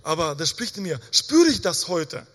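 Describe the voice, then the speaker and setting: Earnest halting male preacher. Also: a little high, sing-song, fairly bright tone. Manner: earnest, halting, with many pauses and restarts. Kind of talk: sermon. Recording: reverberant hall with faint music.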